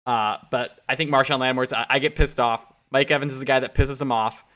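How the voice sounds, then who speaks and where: A man with a bright, forceful voice talks through football picks in a relaxed podcast chat. He gets animated as he acts out quotes, his voice jumping up when he plays other people. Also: medium pitch, a little fast. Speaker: podcast co-host. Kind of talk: casual sports betting chat.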